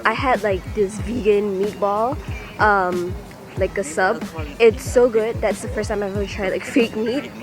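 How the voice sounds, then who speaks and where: A young woman, talking to a handheld camera outdoors in a bubbly, excitable way. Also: medium pitch, measured pace. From Malaysia. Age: 20s. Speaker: vlogger. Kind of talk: vlogging on the go. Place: outdoors in a city and park. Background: music.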